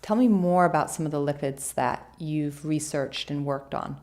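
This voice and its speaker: A woman from Switzerland with a low voice hosts an interview. She asks curious questions and adds personal asides as she goes. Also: normal speed, a little mellow. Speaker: host. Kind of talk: interview hosting.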